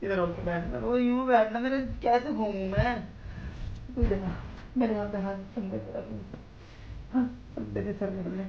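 A man's voice: high-pitched, gravelly. A young man hosting a prank video, pleading and soothing, using pet names over and over. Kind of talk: staged prank conversation. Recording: dull audio with faint noise.

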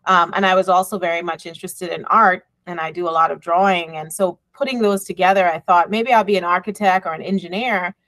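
This middle-aged Bahamian woman, an engineering professor and department chair, speaks in a lowish, fairly even and fairly bright voice on a dry recording. Her reflective, measured conference talk comes via laptop webcam video call from her office with bookshelves and a window, and it's peppered with ums and you knows.

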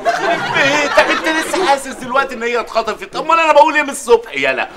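A man's voice: very high-pitched, racing, sharp tone, some chatter behind. An actor playing a frantic, hot-tempered father whose daughter was kidnapped, scolding in exasperation with an Egyptian Arabic accent. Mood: exasperated. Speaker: sitcom character. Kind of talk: sitcom acting.

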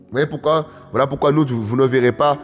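A man preaches a sermon emphatically and repetitively, repeating phrases and often calling out to his listeners. He talks fast at a medium pitch with a breathy edge. Faint music plays beneath a long hall reverb.

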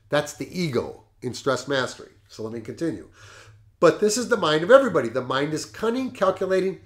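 A middle-aged man hosting a show, reading passages from a book aloud and commenting on them in a lively way. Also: a little high. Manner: animated, laughs at the jokes he reads. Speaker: podcast host.

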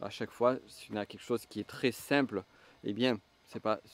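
A man's voice: lowish voice, steady tone, normal speed. A man from southwest France with a southwestern French accent, speaking in a middle-aged voice. He explains personality types to the listener, thinking aloud with frequent hesitations and restarts. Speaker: enneagram coach and trainer. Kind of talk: reflective teaching monologue.

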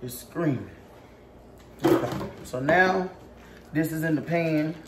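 This is a young woman's slow, low voice as she hosts a laid-back cooking vlog at home, bantering and teasing while addressing her audience directly. Her arm is tired from all the mixing. The kitchen sounds echoey and background noise is audible.

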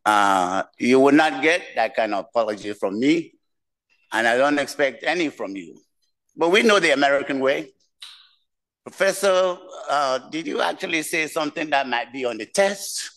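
An older man from Nigeria and Cameroon with a mixed West African accent, giving a slow, humorous keynote speech from a podium in a lecture room. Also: mid-range voice, animated, a bit bright, low-quality recording. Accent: West African, mixed from many languages. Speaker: keynote speaker, professor. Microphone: podium mic.

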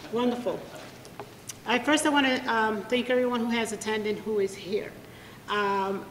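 At a library event, an American poet speaks into a podium microphone to introduce her reading, moving heartfeltly between Spanish and English in a high voice. The room echoes with long reverb, and there's a slight hiss or hum.

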